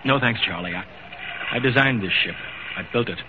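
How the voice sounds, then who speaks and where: In an old-time radio drama, a man plays a proud ship owner who is going blind and trying to conceal it. His fairly quick voice sits on the low side and stays close to ordinary speech, hesitant and stammering, bitter and subdued, often running himself down. The broadcast sounds tinny and noisy.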